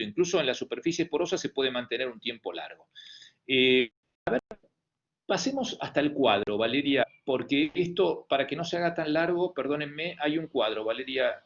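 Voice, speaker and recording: A man with an Argentine Spanish accent delivers an online medical lecture in a medium-pitched, slightly bright voice. He's hesitant, full of fillers and restarts, and the video-call audio sounds dull and lo-fi.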